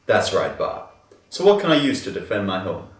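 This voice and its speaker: A man plays an earnest, easily impressed infomercial host. His parody sales delivery is exaggerated and very lively in pitch. He sounds a little far from the mic in an echoey room. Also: moderate pace, a little hiss or hum. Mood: grave concern. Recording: roomy, distant mic, music behind.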